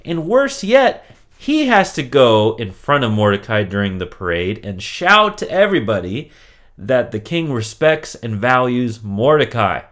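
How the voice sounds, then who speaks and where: A man's voice: mid-range voice, big pitch swings, a little slow, a bit bright. A man teaching an online Bible lesson for children, telling the story expressively and asking rhetorical questions.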